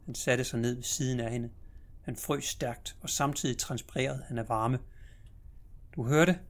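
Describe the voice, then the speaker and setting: A man narrating an audiobook story in a measured, dramatic storytelling manner. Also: mid-range voice, steady tone, gravelly.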